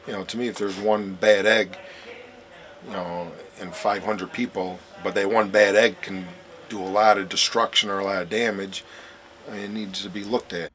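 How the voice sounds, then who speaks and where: A man's voice: on the low side, fairly even intonation, moderate pace, fairly bright tone. A man speaking bluntly and with strong opinions in a documentary interview.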